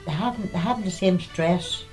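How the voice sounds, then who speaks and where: A woman's voice: lowish voice, measured pace, a little mellow, soft background music. An older woman with a Northern Irish accent, reminiscing in a plain-spoken, conversational way. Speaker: local resident sharing memories. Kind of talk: reminiscing, casual storytelling.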